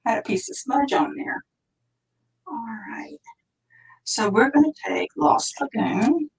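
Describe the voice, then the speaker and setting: A woman's voice: sits high, expressive, unhurried, gravelly, breathy edge, low-quality recording. A woman hosting a live craft tutorial, chatting and thinking aloud as she stamps, now and then dropping to a near whisper while her hands are busy. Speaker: stamping demonstrator.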